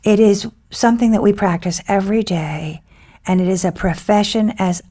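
A woman's voice: medium pitch, steady tone, normal speed, warm tone. A woman hosts an interview in an ordinary middle voice. She sounds enthusiastic and affirming toward her guest. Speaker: interviewer, host. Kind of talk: interview conversation.

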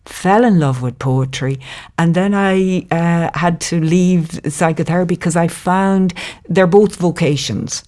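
A middle-aged Irish woman, a poet talking thoughtfully in an interview and reading her poems slowly. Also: on the low side, a little mellow. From Ireland. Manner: thoughtful, measured, slows down to read poems. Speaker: poet, guest. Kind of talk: interview conversation and poetry reading.

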